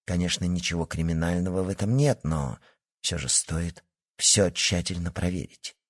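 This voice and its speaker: A man voicing a secretive, determined young woman who speaks low and conspiratorially in an audiobook. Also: normal speed, no room sound, clean studio sound. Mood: hushed. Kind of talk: audiobook character reading.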